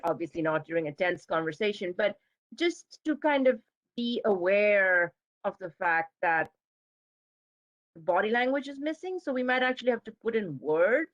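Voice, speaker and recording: A woman's voice: fairly low pitch, muffled recording. A woman psychiatrist speaking on a panel over a video call, candid and thoughtful. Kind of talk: professional panel discussion.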